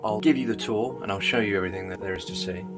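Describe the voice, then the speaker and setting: A man's voice: fairly low pitch, rapid-fire. A man talking casually to camera as a travel vlogger, in a wry, understated way. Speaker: travel vlog presenter. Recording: music over location vlog audio. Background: music.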